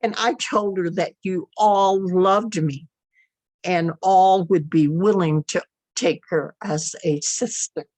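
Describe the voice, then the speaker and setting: Older woman as an eager young boy, affectionate, earnest, traditional storytelling, slow pace. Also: on the low side, darkish tone, no echo. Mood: excited. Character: excitable, affectionate, childlike young brother.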